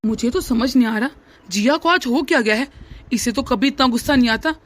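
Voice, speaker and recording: A woman's voice: a little high, fairly quick, lightly acted. A woman voicing a blustering hot-tempered young husband. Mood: scared. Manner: threatening, blustering.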